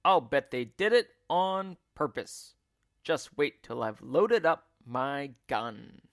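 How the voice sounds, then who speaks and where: A man's voice: medium pitch, very animated, slow pace, fairly bright tone, no echo, clean studio sound, exaggerated voice. A man voicing a grumpy, nasty husband from a children's storybook, blustering and indignant.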